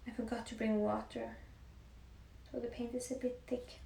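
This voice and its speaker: A young Norwegian woman with a Norwegian accent, chatting softly on a livestream while she paints, often slipping into near-whispers. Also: on the high side, level tone, moderate pace, creaky. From Norway. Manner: soft-spoken, often drifting into near-whispers. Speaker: musician live-streaming to fans. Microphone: phone. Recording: echoey room with faint background hiss.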